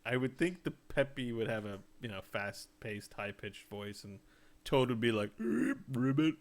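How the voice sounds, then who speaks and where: A man's voice: on the low side, moderate pace. A man hosting a casual livestreamed gaming podcast, rambling and joking as he draws out his setups. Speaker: podcast host.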